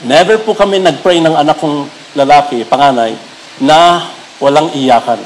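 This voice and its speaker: A middle-aged Filipino pastor preaching a sermon, mixing Tagalog and English and rising to emphatic peaks. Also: male voice, fairly high pitch, moderate pace, a little hiss or hum, rough recording. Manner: switches between Tagalog and English, builds to raised emphatic peaks.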